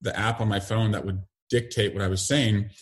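A middle-aged man giving interview answers in a halting way, full of fillers and restarts. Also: fairly low pitch, steady tone. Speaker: interview guest, congressman.

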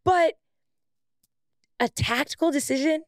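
A young woman co-hosting a casual sports podcast, animated and emphatic, laughing often. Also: high-pitched, measured pace, dry recording, clean studio sound. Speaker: podcast co-host, former pro soccer player. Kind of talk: casual chat.

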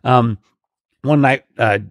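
A man's voice: medium pitch, slow, no room sound, clean studio sound. A man co-hosting a casual podcast chat, telling stories animatedly and laughing often. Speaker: podcast co-host and performer.

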